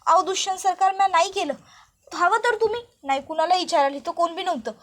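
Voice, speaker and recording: A woman's voice: very high-pitched, quick pace. Woman doing an earnest rustic village girl. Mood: defensive. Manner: rural dialect, earnest pleading.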